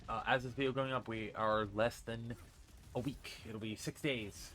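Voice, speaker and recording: A streamer and vlogger from Massachusetts rambles through a casual vlog in his bedroom, a fan running, speaking into a desk mic on a stand. His voice is medium-pitched, congested and stuffy, fairly bright, with a faint Boston accent, fairly even intonation and a moderate pace. He restarts often and uses many fillers, and there's a little hiss or hum.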